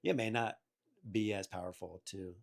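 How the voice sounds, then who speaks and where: A man's voice: fairly low pitch, steady tone, moderate pace, gravelly. A man hosting a podcast, chatting in a rambling way and affirming his guest often. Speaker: podcast host. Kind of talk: casual interview.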